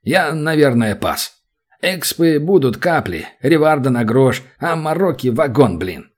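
A man voicing a gruff, sullen dwarf in an audiobook, muttering low in a husky voice. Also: sing-song, a little slow. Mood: grumbling. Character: gruff male dwarf warrior, grumbling and sullen.

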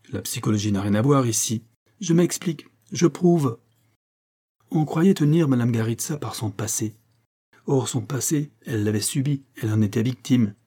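A man's voice: medium pitch, dark tone, slightly rough. Man reading as an indignant baron orating. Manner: oratorical, declaiming. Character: proud, indignant Japanese baron, older man. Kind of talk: audiobook reading.

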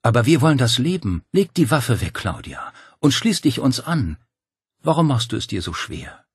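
A man voicing a calm, persuasive male cult leader who coaxes and quietly threatens. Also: medium pitch, moderate pace, no room sound, clean studio sound, voice pushed up, exaggerated voice. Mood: coaxing. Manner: smooth, coaxing, quietly menacing.

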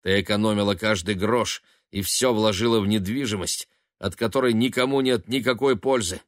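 A man voicing a scornful young man who mocks and shouts at his mother with contempt. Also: fairly low pitch, slow pace, no room sound, clean studio sound. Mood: weary. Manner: mocking and contemptuous, often shouting.

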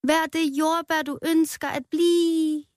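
A woman voicing a small chewing-gum figure who makes high, drawn-out proclamations. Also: a little mellow, no room sound, studio quality, lightly acted. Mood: hopeful. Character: small hopeful piece of chewing gum, boy-like.

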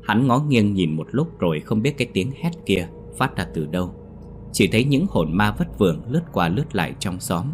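A man narrating a horror story in a steady, unhurried way. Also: low-pitched, a little hiss or hum. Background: faint music.

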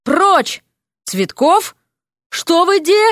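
A woman's voice: sits high, a little slow, no room sound, studio quality. A woman voicing a cranky older male professor who grumbles and blusters through a locked door. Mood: annoyed.

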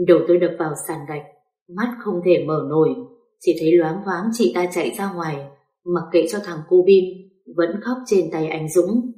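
A woman narrating a first-person story in a steady, dramatic reading manner. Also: lowish voice. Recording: echoey room.

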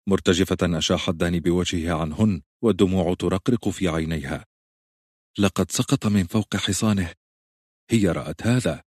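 A man reading a novel as an audiobook narrator, in a steady, measured way. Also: sits low, dry recording, studio quality.

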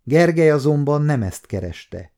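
Mellow-voiced man in his fifties narrating. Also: a little high, very animated. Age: 50s. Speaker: audiobook reader. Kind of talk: scripted audiobook narration.

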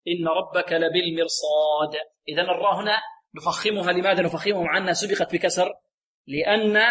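A man teaching tajweed on a radio lesson. He explains the rules, asks his pupils questions, answers them himself and recites verses slowly. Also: sits high, fairly bright tone, rough recording. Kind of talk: tajweed lesson with call and response.

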